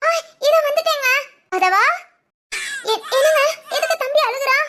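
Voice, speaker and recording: A woman's voice: very high voice, lively intonation, measured pace, a bit bright, full character voice. A woman voicing a timid young wife in a cartoon, apologetic and stammering with nervous laughs. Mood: pleading. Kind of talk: cartoon voice acting.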